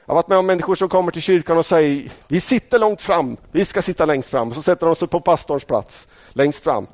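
Storytelling Swedish preacher, higher-pitched man. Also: darkish tone, dry recording. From Sweden. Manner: storytelling, conversational, addresses the congregation directly. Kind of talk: sermon.

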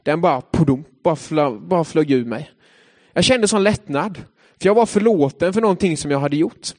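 A young man leads a devotional in a loose storytelling way, his voice sitting a little higher than most men's. He drifts between story and reflection with plenty of hesitant filler sounds, keeping it casual and chatty. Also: expressive, darkish tone. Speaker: youth leader giving a devotional talk.

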